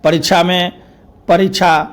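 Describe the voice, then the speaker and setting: A male teacher running through spelling corrections word by word, stating each wrong form and then the right one in a steady, repetitive drill. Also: high voice, unhurried.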